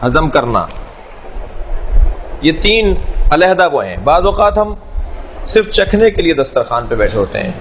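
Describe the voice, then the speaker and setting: A man teaching a class, speaking in a measured way, repeating key words and explaining through everyday analogies. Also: a little high, sing-song, a bit bright, slight background noise. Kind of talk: classroom lecture.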